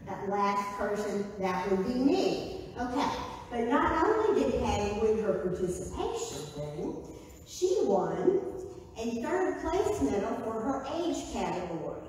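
A woman, a pastor giving a conversational, animated sermon in a church. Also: a little high, measured pace, a little hiss or hum. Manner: conversational, animated, gestures while preaching. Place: church sanctuary, indoors. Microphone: far camera. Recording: echoey sanctuary from far off.

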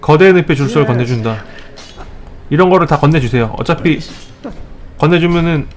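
A man hosting a let's play, giving joking step-by-step tips and scolding the enemies he fights, with sudden excited outbursts. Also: fairly high pitch, fast. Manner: playful mock-tutorial tone, scolding enemies. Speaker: gaming channel host.

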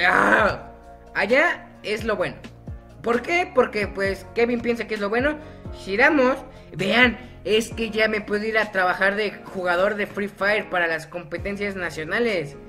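Bright-voiced young man commenting on gameplay. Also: high voice. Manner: chatty, self-mocking, laughs often, sings goofy bits. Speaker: gaming YouTuber.

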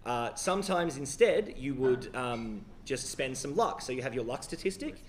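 An Australian man narrates a tabletop horror game in a measured, descriptive voice. A faint hiss runs behind him. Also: mid-range voice, animated. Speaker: game master.

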